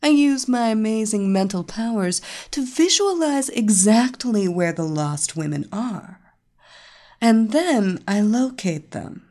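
Seductive psychic vamp, slow and sing-song, by the woman narrator. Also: medium pitch, expressive, a little mellow. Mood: sultry. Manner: slow, sultry, teasing.

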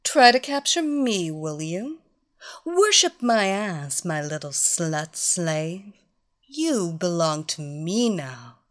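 A woman voicing a commanding blonde female hypnotist who gives slow, purring, drawn-out orders. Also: lowish voice, sing-song.

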